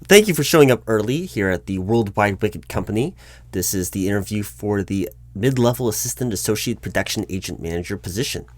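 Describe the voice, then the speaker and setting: Playing a polite, officious recruiting manager, a man runs through one side of a job interview roleplay in formal, wordy corporate language. His voice is fairly low, and he speaks animatedly and fairly quickly.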